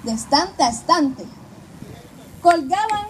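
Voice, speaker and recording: A woman's voice: very high-pitched, animated, slow, background noise. A woman narrating an amateur stage play in a theatrical storytelling style, over a stage PA outdoors. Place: outdoor tented stage at night.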